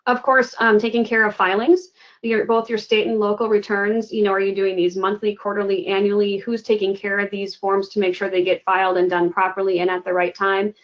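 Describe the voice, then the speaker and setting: A woman's voice: mid-range voice, flat delivery, a little fast. Lady doing a work webinar, chatty, lots of um and you know, kinda muffled sound. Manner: conversational, fillers like "you know" and "um". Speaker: webinar presenter. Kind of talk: webinar presentation.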